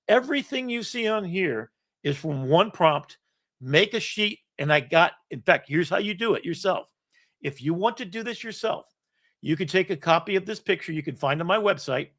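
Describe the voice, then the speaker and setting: A host in his sixties speaks at a moderate pace in a slightly high, expressive, fairly bright voice. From his home setup with an iPad, he meanders through a screen-shared document in a relaxed, self-deprecating way, letting the occasional swear word slip.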